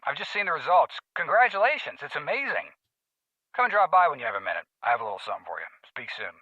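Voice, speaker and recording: Brief: a bright, breathy, upbeat caller leaving a voicemail, muffled playback. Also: male voice, on the high side, sing-song, dry recording, exaggerated voice. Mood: cheerful. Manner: cheerful, quick and chatty. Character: man named Tom, upbeat colleague congratulating. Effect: recorded voicemail message.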